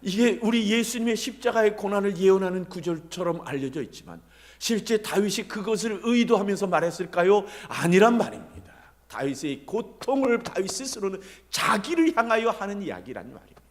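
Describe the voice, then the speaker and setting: A male pastor preaching a sermon, dramatic, moving from loud calls to near-whispers. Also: high-pitched, expressive, fairly quick, hardly any pauses.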